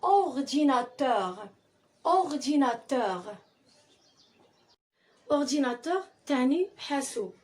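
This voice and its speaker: Slow, high-voiced woman teaching French reading. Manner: spells letters one by one, repeats syllables; mixes Arabic explanations with French. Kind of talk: slow spelling and reading lesson.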